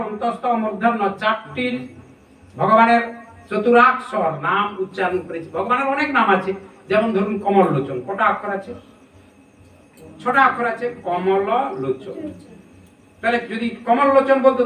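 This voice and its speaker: A man's voice: very high-pitched, normal speed, pushed and bright. A man preaching a scripture sermon, explaining step by step and asking his listeners rhetorical questions. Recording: echoey room, distant mic, faint noise.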